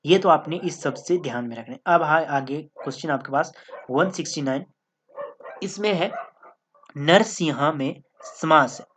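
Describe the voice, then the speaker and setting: A woman's voice: low-pitched, a little slow, noisy background. A woman teaching an exam-prep grammar lesson, explaining step by step and often checking in with her listeners. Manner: explanatory, repeats "ठीक है" and "दोस्तों".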